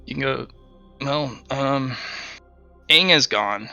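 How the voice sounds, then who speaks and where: Gravelly, bright-voiced game master. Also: male voice, mid-range voice, slow, muffled recording, faint music behind. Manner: playful, teasing rule-setter. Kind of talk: running a tabletop game.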